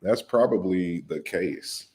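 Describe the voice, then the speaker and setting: Man, extremely deep voice, livestream host, casual Q&A, relaxed lecturing explanations, lots of fillers. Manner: relaxed and conversational, with frequent fillers and restarts; explains at length in a measured, lecturing way. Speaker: host of an open discussion livestream. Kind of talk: casual livestream Q&A, reading viewer comments.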